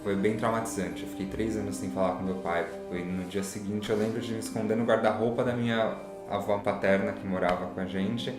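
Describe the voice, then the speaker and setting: A man speaks reflectively and with some hesitation, his voice low. Guitar music plays clearly behind him in an echoey room. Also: steady tone, a little fast, few pauses. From São Paulo, Brazil. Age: 20s. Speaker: interviewee. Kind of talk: personal testimony.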